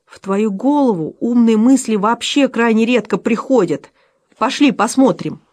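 A woman doing a hoarse, smoky, bossy girlfriend. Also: fairly high pitch, normal speed, a little mellow, lightly acted. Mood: scornful. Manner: brash and bossy. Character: hoarse, chain-smoking blunt woman friend. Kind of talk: audiobook character voice.

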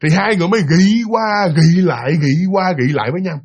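Husky, fast Southern Vietnamese male storyteller. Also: high-pitched, expressive. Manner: chatty, addresses listeners directly. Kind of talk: spooky storytelling.

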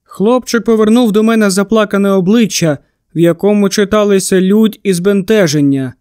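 A man's voice: sits high, moderate pace, a little mellow, clean tone, dry recording. A man narrating a novel in the first person in a tense, dramatic reading on a close studio mic. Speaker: audiobook narrator.

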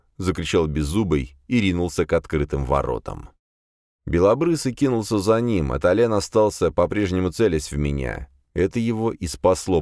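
A man narrating a first-person fantasy audiobook in a steady, measured way. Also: deep voice, no echo, clean studio sound.

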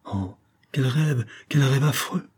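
A man's voice: mid-range voice, takes it slowly, darkish tone, breathy edge, pitched above the performer's own voice. A man reading the lines of a bewildered young woman just returned from death, in an audiobook, close to his own narrating voice.

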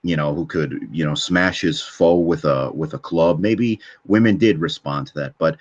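A man with a very low voice delivers a long, rambling rant, swearing freely and stumbling through fillers and restarts. He keeps punctuating his points with a challenging "okay?". The audio is dull and lo-fi. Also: moderate pace. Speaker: channel host. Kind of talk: ranting monologue. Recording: dull lo-fi recording.

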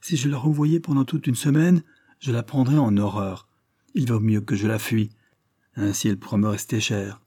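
Man voicing a brooding, bitter young lover, earnest monologue, dark husky tone, dry sound, literary audiobook. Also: medium pitch, steady tone, moderate pace, no echo.

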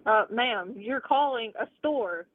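A woman answering the phone at a convenience store, her high voice squeezed into a thin, tinny phone line. She sounds confused and curt, brushing the caller off, and the line is close and dry. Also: expressive, slow pace, no room sound. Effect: heard over a phone line.

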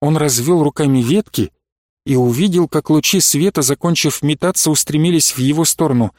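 A man narrating an audiobook in a steady storytelling read. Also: fairly high pitch, a little fast, dry recording, studio quality. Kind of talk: scripted narration.

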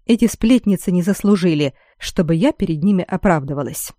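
A proud young noblewoman snaps back with biting sarcasm and open defiance, as a woman reader plays her. Her voice sits warm and a little low, recorded close and dry. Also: lively intonation, fairly quick, no room sound. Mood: defiant.

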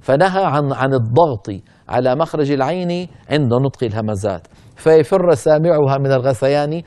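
A man teaching the rules of Quran recitation in a gentle, instructive way. His voice is mellow and dark, and now and then he stretches words out slowly to show a mistake. The sound is dry, with no room echo. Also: mid-range voice. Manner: demonstrates recitation errors by drawing out words slowly; addresses listeners as brothers, gentle and instructive. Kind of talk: explaining Arabic verse on Quran recitation.

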